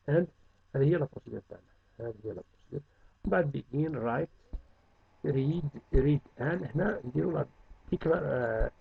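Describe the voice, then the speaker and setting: Man, programming lesson, rushed pace, raspy breathy voice. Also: mid-range voice, dry recording, phone-quality sound. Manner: mixes French terms into Arabic speech. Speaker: teacher.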